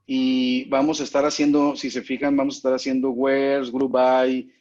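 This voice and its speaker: A man's voice: mid-range voice, monotone, moderate pace, a little mellow. A man teaching an online class, explaining step by step and often checking that his students follow. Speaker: instructor. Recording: muffled lo-fi online call audio.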